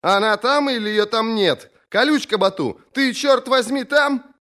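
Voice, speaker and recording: A man's voice: very high-pitched, unhurried, a bit bright, pitched above the performer's own voice. A man reading an audiobook, voicing a young woman who calls insistently through a door to her brother. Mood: scolding. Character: young woman, anxious, scolding older sister. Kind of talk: audiobook character voice.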